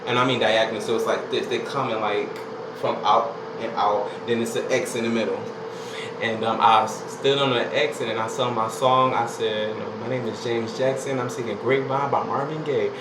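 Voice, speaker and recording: Talking a little fast in a steady, medium-pitched voice, a young man shares a relaxed story for his vlog, leaning heavily on "like" and "you know." An air conditioner hums in the echoey room where he records.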